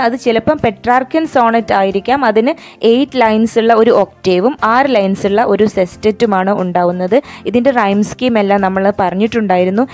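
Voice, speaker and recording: Slow-speaking Malayali woman teacher. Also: medium pitch, a little mellow. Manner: reads questions slowly, explains in quick Malayalam asides. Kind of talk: exam question lecture.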